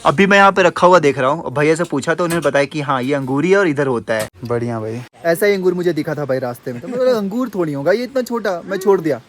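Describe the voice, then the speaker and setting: A man's voice: a little high, lively intonation, fast, hardly any pauses. A young man chatting casually as a travel vlogger in a mountain village, often calling viewers brother and friends. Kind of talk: casual travel vlog narration.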